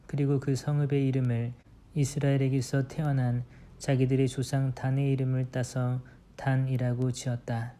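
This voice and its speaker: Man reading scripture in a dark, flat voice. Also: mid-range voice. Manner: steady, measured reading.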